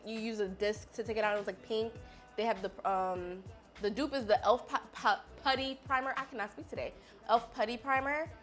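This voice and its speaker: A woman in her 20s, a beauty vlogger, tries out makeup while chatting straight to viewers in a casual, sassy way during a makeup haul. Her voice is medium in pitch and a bit bright.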